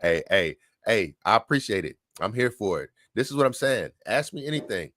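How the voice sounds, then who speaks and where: Running a relaxed livestream, a man chats with viewers and answers their dog training questions, going back over his points more than once. His voice is on the low side and his pace moderate.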